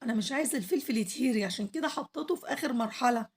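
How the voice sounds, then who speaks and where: A woman with an Egyptian Arabic accent, hoarse from losing her voice, chatting to viewers as she cooks on her home cooking vlog. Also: a little high, lively intonation, very fast. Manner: chatty, addresses viewers directly, pleads for likes. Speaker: cooking channel host.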